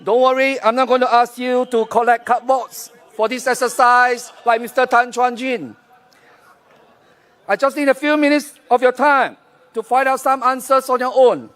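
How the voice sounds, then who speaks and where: A man's voice: extremely high pitch, steady tone, normal speed, fairly bright tone. A Singaporean man giving a political rally speech as a candidate, addressing the crowd directly with questions and instructions. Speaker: election candidate. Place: outdoor rally field, over a PA.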